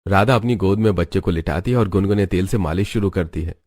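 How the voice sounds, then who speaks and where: A man giving scripted, even narration for a cartoon story. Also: sits low, fast talker, soft background music.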